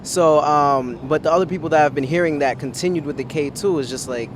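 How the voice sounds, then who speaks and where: A man interviewed outdoors, speaking in a relaxed, hesitant way with fillers. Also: fairly high pitch, brisk, background noise. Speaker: interviewee who tried the drug. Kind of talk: street interview.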